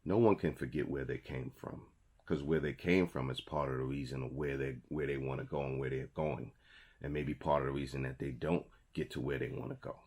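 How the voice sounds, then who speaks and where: A New York man in his thirties speaks to camera in a bass voice, giving a conversational but emphatic motivational talk and repeating his key phrases. His delivery is a little fast and fairly even, mellow with a breathy edge, in a small indoor studio with a logo wall.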